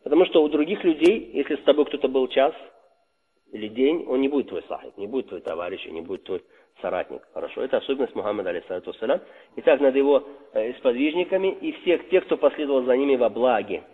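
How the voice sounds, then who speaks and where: A husky man teaches a religious lesson, posing questions to his listeners and answering them himself. His voice carries a long reverb and comes through a thin, phone-like line. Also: medium pitch, expressive, quick pace. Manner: asks rhetorical questions and answers them, repeats key terms. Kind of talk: religious lesson explaining a text. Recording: reverberant hall over a tinny phone-like line.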